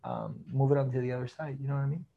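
A man's voice: medium pitch, little pitch movement, fast talker, creaky, narrow, tinny audio, a little hiss or hum. A man with a Puerto Rican accent, preaching a sermon over a video call in a chatty way, slipping between Spanish and English. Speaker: pastor.

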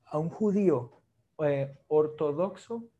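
A man preaching a sermon, lively and joking with the congregation, mixing Spanish with English phrases. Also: fairly high pitch, takes it slowly.

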